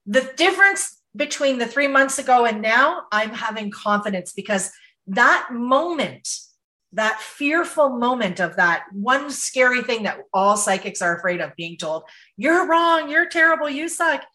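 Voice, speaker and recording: A woman co-hosting a talk show tells a story in a bright, slightly high voice. She is animated and casual, and laughs now and then as she talks. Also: measured pace, low-quality recording. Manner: animated, laughs while telling stories. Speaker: psychic medium and podcast co-host.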